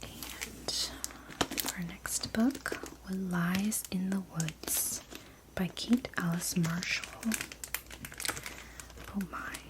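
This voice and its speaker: A woman speaks in a slow, hushed whisper, doing a whispered role-play as a sleepy librarian. Her delivery is gentle and soft, kept low and unhurried throughout. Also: steady tone, rough recording. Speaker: ASMR performer playing a librarian. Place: small indoor room at a desk.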